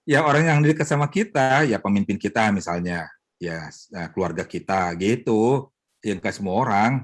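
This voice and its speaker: A middle-aged man, a pastor, teaching a Bible study in a lively, joking way, acting out wives' prayers. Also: lowish voice, moderate pace. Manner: animated, joking, mimics wives praying.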